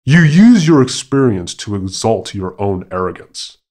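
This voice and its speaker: A man's voice: lowish voice, big pitch swings, unhurried, a little mellow. A man voicing a boastful male monkey who proclaims himself a man, speaking in a grandiose, declaiming manner. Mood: scornful.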